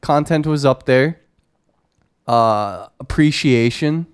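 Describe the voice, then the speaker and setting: A man co-hosting a comedy podcast, jokey and excitable in casual chat. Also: medium pitch, slow pace, smooth. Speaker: podcast co-host.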